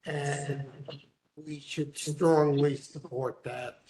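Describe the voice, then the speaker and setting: A man's voice: a little high, fairly even intonation, drawn-out words, dark tone. A man giving a brief public comment at a committee meeting over a remote call, and his audio echoes back with feedback. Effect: echoing feedback on his call audio.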